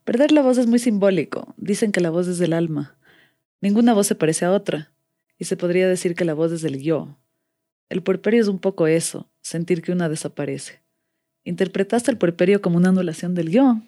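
Mellow-voiced woman co-host asking thoughtful questions. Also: on the low side, a little fast, dry recording, studio quality. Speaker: podcast co-host. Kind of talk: interview questions.

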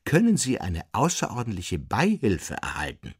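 A glib, wisecracking insurance agent reels off his pitch in a businesslike way, slightly raised in pitch, as a man reads him. The voice stays husky and dry. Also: huge pitch swings, normal speed, dry recording, heavily acted.

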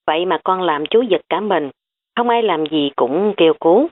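A woman voicing an easygoing middle-aged uncle who teases in a relaxed, joking way. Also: on the low side, moderate pace. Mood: teasing. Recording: tinny phone-like audio.

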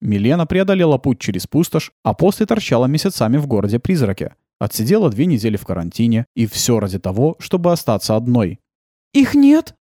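A narrator reading an audiobook with calm storytelling. The pitch moves in a lively way, and the recording is close and dry with no room sound. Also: fast, few pauses, no room sound.

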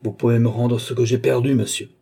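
A man's voice: mid-range voice, little pitch movement, a little fast, warm tone, breathy edge. A man voicing a hot-headed young nobleman who speaks in indignant, clipped bursts. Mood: furious.

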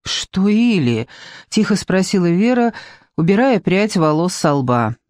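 A narrator giving an even, measured audiobook reading. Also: medium pitch, no echo, studio quality.

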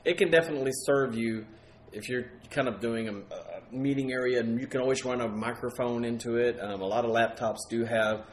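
A man's voice: mid-range voice, fairly quick. Man, casual paranormal host, rambling and self-correcting, faint room hum behind. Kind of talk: casual chat.

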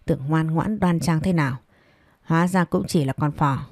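A spiteful middle-aged mistress taunts with a mocking edge, read by a woman narrator. The voice sits low and mellow, and the recording is close and dry. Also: moderate pace, no room sound. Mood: sneering. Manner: sneering, taunting.

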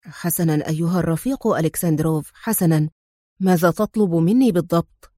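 A woman's voice: mid-range voice, brisk, darkish tone, dry recording, studio quality, lightly acted. A woman voicing a nervous, cowardly male police inspector in a storybook reading, jittery and pleading. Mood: hushed fear.

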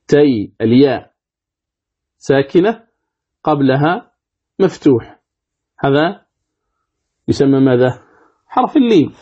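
Teaching sheikh with a dull, muffled sound. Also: male voice, a little high, darkish tone. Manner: asks the class questions and answers them himself; repeats words slowly to model pronunciation. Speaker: sheikh teaching Quran recitation. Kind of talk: classroom lesson commentary on a text. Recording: dull lo-fi lecture recording.

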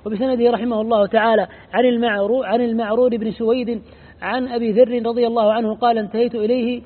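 A high-pitched man reads a classical commentary aloud in a rapid clip. He stumbles often, repeating syllables before pushing on. The sound is thin and boxy, like it came over a phone line. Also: level tone. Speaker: student reading the text aloud. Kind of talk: fast recitation of a classical commentary. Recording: tinny phone-like lo-fi audio.

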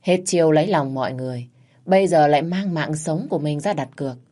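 Low-voiced woman narrating a story. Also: quick pace, dark tone.

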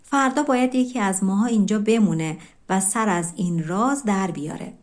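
The eldest of seven hunter brothers speaks in a folk tale, as a woman narrator reads his lines. He sounds plain and matter-of-fact, close to an everyday reading voice. The pitch stays in the middle of the female range. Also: lightly acted. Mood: puzzled.

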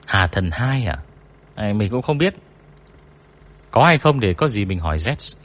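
A man hosting a storytelling livestream in casual chat, reading viewer comments aloud and joking about himself in a deep, low voice. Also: very animated, measured pace, fairly bright tone.

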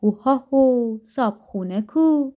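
A woman voicing an ugly, hungry male div demon who makes slow, drawn-out, bossy demands in a spoken storybook tale. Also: fairly high pitch, lively intonation, dull audio, close to an everyday voice. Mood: demanding.

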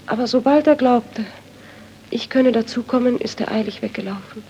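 A grieving widow, earnest and sorrowful, haunted by guilt, as a woman acts her out. Her voice is fairly high, with a faint hiss behind it in an old radio play. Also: normal speed, warm tone, highs cut off, lightly acted. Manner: earnest, sorrowful, turns to anguished pleading. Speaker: doctor's friend's widow. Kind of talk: 1930s radio acting.

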